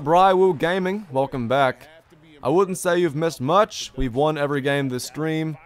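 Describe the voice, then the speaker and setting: Streaming a basketball video game from a bedroom gaming setup indoors, this young man keeps his tone upbeat and chatty while reading chat aloud. He tends to repeat his own phrases. His voice is a little high and slightly strained after a long session.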